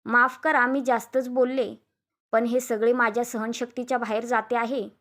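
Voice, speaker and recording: A woman voicing a fed-up young daughter-in-law, speaking in sharp, indignant outbursts. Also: a little high, level tone, moderate pace. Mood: exasperated. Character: fed-up young daughter-in-law demanding her own space.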